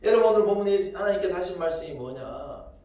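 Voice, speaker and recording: A male pastor preaches with a fairly high, emphatic voice that swells into loud declarations. The sound rings heavily around a large, reverberant church. He is picked up from well off the microphone. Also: lively intonation, fast talker, distant mic. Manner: emphatic, builds to loud exclamations. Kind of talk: sermon. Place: church sanctuary. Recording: very echoey hall, voice from afar.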